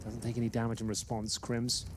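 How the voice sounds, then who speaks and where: A man with a mid-pitched voice works as an esports caster, commentating live on a match. Clear game noise, with gunfire and clicks, runs behind him. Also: completely flat delivery, brisk.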